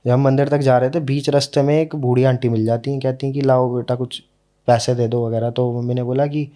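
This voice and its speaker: A young man with a mellow, warm tone tells a personal story as a podcast guest. He talks casually and earnestly, and slows down to let the emotional moments land. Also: mid-range voice, fairly even intonation.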